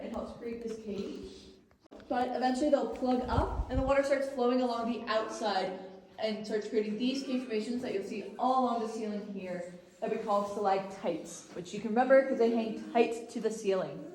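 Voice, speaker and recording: A woman's voice: fairly high pitch, darkish tone. Echoing woman tour guide in a cave. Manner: addresses a group, plain explanations with light asides. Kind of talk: explanatory guided tour talk to a group. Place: inside a cave, recorded from among the tour group. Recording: echoey cave, distant mic, faint noise.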